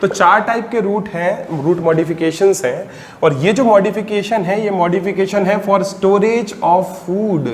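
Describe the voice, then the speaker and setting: Higher-pitched man lecturing in a reverberant room. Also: a little mellow. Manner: repeats key terms as questions to the class, answers himself; slows down to dictate English definitions. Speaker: biology teacher. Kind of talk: classroom lecture in Hindi-English mix. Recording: long reverb, faint background noise.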